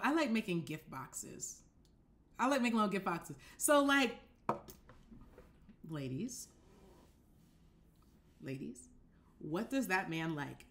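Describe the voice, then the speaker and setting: Direct, animated young woman giving dating advice. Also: medium pitch. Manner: animated, direct, checks in with listeners often. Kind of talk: casual advice talk to camera. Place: apartment living room, indoors.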